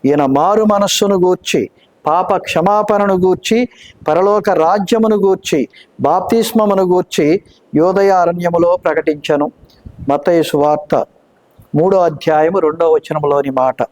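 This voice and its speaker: A man preaching a sermon, reading scripture slowly and deliberately and asking rhetorical questions. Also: high-pitched, darkish tone, poor audio.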